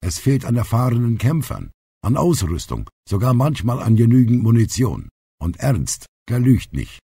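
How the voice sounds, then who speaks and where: A man reading an audiobook, voicing a blunt, outspoken old grandfather who is gruff but loving. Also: mid-range voice, very animated, normal speed, mellow, no room sound, clean studio sound, voice pushed up, heavily acted. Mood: earnest, bitter. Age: older. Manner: blunt, plainspoken.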